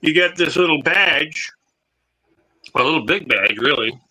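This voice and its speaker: A man chatting casually as co-host of a collectibles show, rambling with halting restarts, his voice clipping and distorted through a phone mic. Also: on the high side, animated, sharp tone, slightly rough. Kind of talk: casual online show chat.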